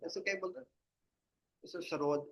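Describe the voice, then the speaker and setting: A man's voice: on the high side, moderate pace, fairly bright tone. A man leading a devotional study session, explaining patiently and quizzing his listeners with questions. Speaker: spiritual teacher.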